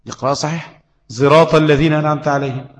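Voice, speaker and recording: A man's voice: a little high, fairly even intonation, rapid-fire, in a large hall, rough recording. A man with an Egyptian accent teaching tajweed, explaining letters and checking understanding with rhetorical questions. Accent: Egyptian Arabic. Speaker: Quran recitation teacher. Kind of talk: tajweed lesson.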